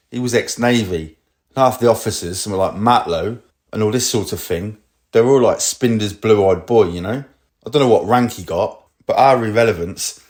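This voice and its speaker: A man with an Essex accent giving a long rambling account in a police interview, swearing often and acting out what others said. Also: fairly low pitch. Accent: Essex English.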